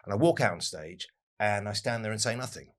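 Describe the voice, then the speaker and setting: A man guest on a podcast, telling a story in a casual, slow-building way. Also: fairly low pitch, animated.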